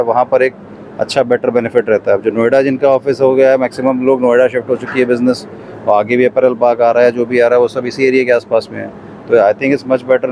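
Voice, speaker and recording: A man's voice: medium pitch, darkish tone, a little hiss or hum, low-quality recording. A male exhibitor speaking casually in Hindi, mixing in English words, at a trade fair. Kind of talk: on-the-spot interview answers. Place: busy trade fair hall.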